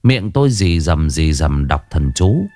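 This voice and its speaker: A man narrating a ghost story in the first person with expressive, rising and falling delivery. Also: a bass voice, unhurried, no echo, studio quality, soft background music.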